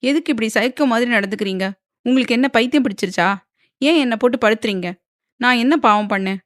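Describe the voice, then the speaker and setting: A woman's voice: high-pitched, normal speed, a little mellow, dry recording, clean studio sound, pitched above the performer's own voice, natural voice. A woman narrator voicing a distressed young wife who cries, pleads and argues back. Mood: tearful. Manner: pleading, crying, agitated. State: crying. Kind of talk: audiobook character voice.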